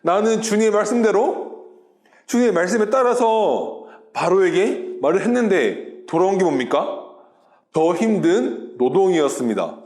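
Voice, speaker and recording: A man's voice: high voice, animated, unhurried, a little mellow. A man voicing an upset prophet who pleads with and accuses God in a rising, complaining way. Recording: roomy echo.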